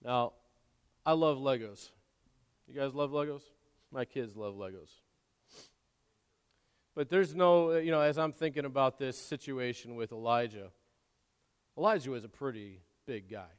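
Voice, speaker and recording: A pastor delivers a sermon in a reverberant hall, swinging from quiet asides to loud, impassioned exhortation and often repeating or restarting words. His medium-pitched voice is clean in tone, with a measured pace and long pauses.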